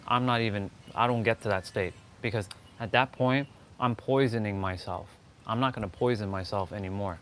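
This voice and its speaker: Repeating phrases for emphasis, a Canadian-accented Toronto man urges his livestream viewers on in an improvised, insistent motivational speech. His voice is medium in pitch and somewhat bright. The outdoor background is distinctly noisy.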